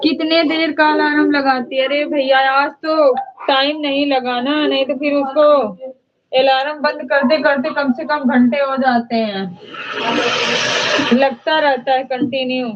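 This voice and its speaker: High-voiced woman chatting on a lo-fi livestream. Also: steady tone, a little slow. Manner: chatty, addresses viewers as brother, coaxes and soothes small children. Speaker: singer chatting with viewers on a livestream. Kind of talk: casual live chat. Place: at home, with children nearby. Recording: dull lo-fi livestream audio with faint noise.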